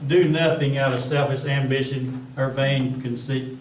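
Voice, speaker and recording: A man playing a folksy, steady country cousin in an amateur church play, speaking slowly. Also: medium pitch, slight background noise, close to an everyday voice. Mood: calm. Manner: slow, plain-spoken, preachy. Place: church hall stage. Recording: roomy hall, mic far off.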